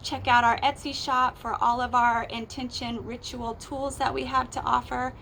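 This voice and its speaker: A woman calmly and gently guiding a grounding meditation ritual in an unhurried, instructional way, speaking outdoors. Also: a little high. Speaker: meditation and ritual guide, host. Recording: outdoors with clear background noise.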